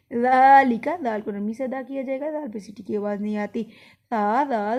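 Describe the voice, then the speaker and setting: A woman with a high voice teaches Quran recitation word by word. She explains each point patiently and repeats the corrections. Between quick explanations she draws her recitation out slowly. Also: mellow.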